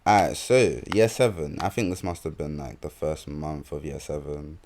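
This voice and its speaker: A man's voice: rumbling low, steady tone, normal speed, a little mellow, slight background noise. A young man with a London accent, co-hosting a podcast and telling rambling stories full of slang in casual chat. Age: young adult. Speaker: podcast co-host.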